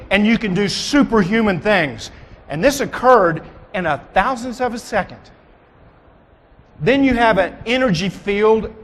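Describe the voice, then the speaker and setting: High-voiced man giving a dramatic keynote. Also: a bit bright. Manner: dramatic, fires rhetorical questions at the crowd. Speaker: keynote speaker. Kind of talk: motivational keynote speech. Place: large convention hall stage. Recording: long hall reverb.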